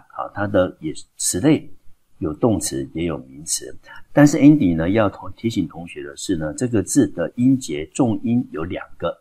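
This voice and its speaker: Taiwanese guy teaching high school english, real deep voice, kinda husky, patient. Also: darkish tone. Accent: Taiwanese Mandarin. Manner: patient, starts phrases with a filler. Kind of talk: explaining a textbook lesson.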